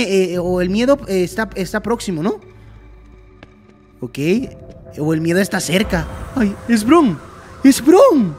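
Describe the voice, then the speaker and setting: A man giving excited let's-play commentary, chatting to viewers as friends and yelping at scares. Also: high voice. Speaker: gaming YouTuber.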